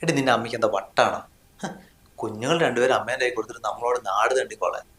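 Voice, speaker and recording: A man's voice: mid-range voice, steady tone, racing, a bit bright, echoey room, close to an everyday voice. A man acting a husband in a short drama, scolding and dismissive in tone. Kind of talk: scripted drama dialogue.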